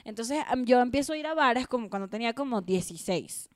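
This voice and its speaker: A young woman co-hosting a podcast at home, telling a story in an animated, crude, self-mocking way. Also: on the high side, quick pace, no echo, clean studio sound. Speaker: podcast co-host. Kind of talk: casual storytelling chat.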